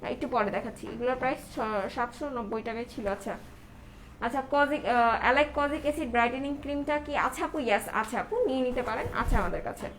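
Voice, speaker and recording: A woman's voice: on the high side, brisk, soft background music. A woman with a Bangladeshi accent hosts a casual live beauty sales chat, answering viewers and mixing in English words, her voice slightly muffled by a face mask. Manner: code-switches into English words and often adds check-in tags. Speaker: live-selling beauty product host. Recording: noticeable background noise.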